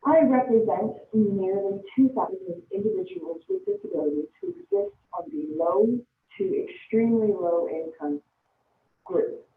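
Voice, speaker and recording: A woman community organizer giving a deliberate, earnest public comment over the phone. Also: medium pitch, big pitch swings. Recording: tinny speakerphone line, echoey and distant.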